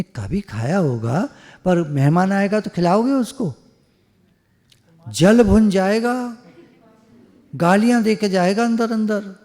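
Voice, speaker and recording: ऊँची आवाज़ वाला पुरुष प्रवचनकर्ता, गूंजते हॉल में. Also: male voice, high voice, darkish tone. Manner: conversational, joking, mixes English words. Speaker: spiritual speaker. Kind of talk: devotional satsang discourse. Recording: long hall reverb.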